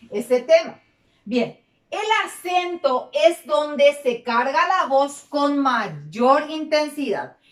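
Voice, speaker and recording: In a high, slightly bright voice, a woman gives children a grammar lesson, repeating key words and drawing words out. The classroom delivery is slow and deliberate, and the recording has a roomy echo.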